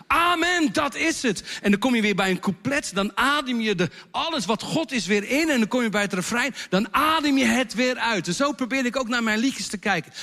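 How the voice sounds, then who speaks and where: High-voiced Dutch man preaching in a reverberant church. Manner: animated preaching, sings song lines. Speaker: pastor and songwriter. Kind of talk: sermon explaining a worship song. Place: church hall.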